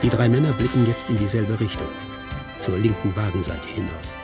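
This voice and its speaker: For a radio drama, a man voices a detached narrator reading out a film script in brief, observational present-tense lines. His voice is on the low side, brisk and lightly acted, and the mood is detached and suspenseful over background music.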